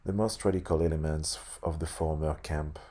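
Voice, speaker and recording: A man with a lisp reading aloud haltingly, stumbling and correcting himself, with casual asides. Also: rumbling low, steady tone, dark tone. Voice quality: lisp on s sounds. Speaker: host reading a tabletop game sourcebook aloud.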